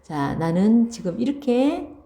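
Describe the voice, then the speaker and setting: In an online lesson on literature, a woman who teaches Korean reads passages from a story and then explains each line. Her voice is a little high, sing-song and dark in tone; she repeats the important words slowly and keeps checking in with the class by asking "그치?".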